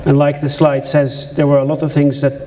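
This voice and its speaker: A conference speaker from the Netherlands talks conversationally from a lecture room, restarting often and throwing in asides to the audience. He has a Dutch accent and a warm, slightly high voice with little pitch movement, speaks fairly quickly, and a little hiss or hum is audible.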